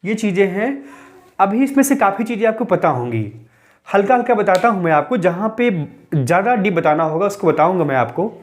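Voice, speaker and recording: A man's voice: high voice, sing-song, a little fast. Patient male grammar teacher. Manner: patient, step-by-step, mixes English terms into Hindi. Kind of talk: explanatory lecture.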